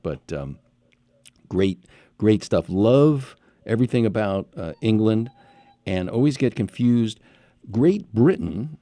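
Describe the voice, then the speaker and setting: A man with a low, warm voice hosts an interview podcast on a headset mic, recorded with no echo. His casual chat rambles and he asks plenty of follow-up questions.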